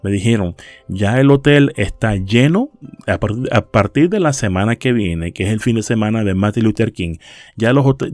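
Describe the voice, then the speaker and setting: A South Florida YouTube host gives rideshare and delivery tips in a casual vlog over stock footage, calling viewers his friends. His lowish voice is a little mellow and dry of room sound, and he's chatty and friendly, often restarting phrases.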